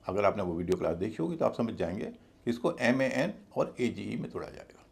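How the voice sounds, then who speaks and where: A man's voice: fairly low pitch, big pitch swings, fairly quick, vocal fry, a little mellow. A man teaching an English pronunciation lesson, patiently spelling words out letter by letter. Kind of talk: spoken lesson explaining pronunciation.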